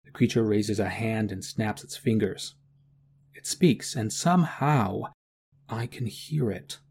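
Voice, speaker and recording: A man's voice: lowish voice, lively intonation, slow, gravelly, darkish tone, a little hiss or hum, exaggerated voice. Guy playing a shaky desperate writer who can't hear, pleading. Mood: shaken. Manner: pleading, shaken. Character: desperate deaf male author.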